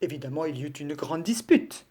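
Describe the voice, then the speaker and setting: A woman teacher reading a children's story aloud with an expressive storytelling delivery. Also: low-pitched, fairly quick, slight background noise.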